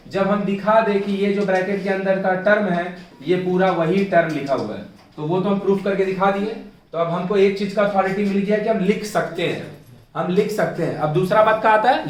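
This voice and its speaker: A man's voice: high-pitched, far from the mic, a little hiss or hum. A man teaching a math lesson in a classroom, coaxing students with repeated questions. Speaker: math tutor. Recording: echoey room, voice from off mic.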